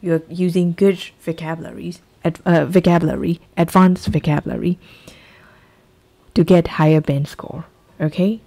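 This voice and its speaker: This woman from Myanmar speaks with a Burmese accent in a lowish, gravelly, mellow voice that's slightly rough, with fairly even intonation. Teaching an English exam-prep lesson, she drills key phrases by repeating them slowly.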